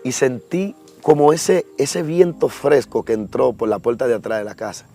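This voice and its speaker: A man's voice: medium pitch, expressive, moderate pace, warm tone, faint music behind. A young man giving an earnest personal testimony, acting out the voices in his story. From Dominican Republic.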